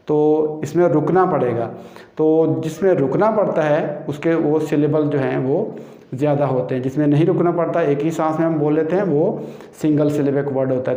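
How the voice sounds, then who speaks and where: A man's voice: on the high side, dark tone. A man teaching English pronunciation rules, explaining patiently step by step and repeating each key term. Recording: echoey room, dull lo-fi sound.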